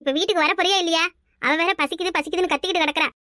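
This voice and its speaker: A nagging old village mother-in-law, as a woman voices her for a cartoon, speaking Kanyakumari Tamil in a very high, bright voice. She rattles along fast and sounds dry and close-miked. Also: fairly even intonation, dry recording. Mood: defensive. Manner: nagging, defensive, calls others "ஏட்டி". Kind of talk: cartoon voice acting.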